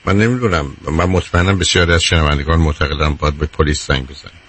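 A man hosting a call-in advice show on radio, calm and firm, addressing the caller as dear. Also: a bass voice, husky.

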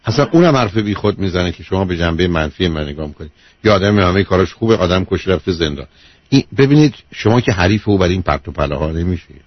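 A lowish, husky male doctor counsels a caller on a radio advice show, driving his points home with repetition and calling her "dear". The voice is close and dry, with dull, lo-fi broadcast sound. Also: expressive, no room sound. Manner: emphatic, lecturing, repeats key points, calls the caller "dear".

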